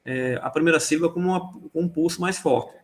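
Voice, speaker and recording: A man with a fairly high voice teaches an online music class. He explains slowly and loosely, with many fillers, restarts and little checks on whether everyone follows.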